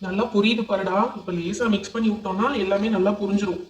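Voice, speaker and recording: A man's voice: high-pitched, fairly even intonation, fast talker, dull audio. A man voicing dolls in a comedy show, bossy and teasing as he explains cooking. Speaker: doll-show voice performer. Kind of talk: playful doll-show voice acting. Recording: echoey, distant mic.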